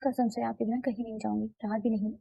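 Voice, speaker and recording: A woman voicing a shy young wife who pleads softly and pouts, read out from a romance novel. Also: fairly high pitch, flat delivery, fast talker, gravelly, husky, no room sound. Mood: pleading, shy. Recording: dull, slightly muffled dry recording.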